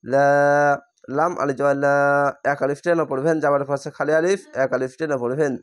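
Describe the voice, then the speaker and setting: A man teaching Quran reading, patiently spelling out each word letter by letter and slowly stretching the recited syllables. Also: on the high side, fairly even intonation. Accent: Bangladeshi Bengali. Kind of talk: step-by-step spelling lesson.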